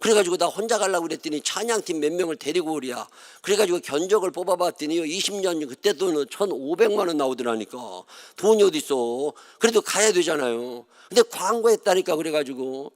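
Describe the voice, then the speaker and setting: Joking Korean pastor with a Chungcheong accent. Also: male voice, a little high, expressive, fairly quick. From Chungcheong province, Korea. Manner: folksy, joking, mutters and mimics others. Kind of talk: revival sermon with humorous storytelling. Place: church sanctuary.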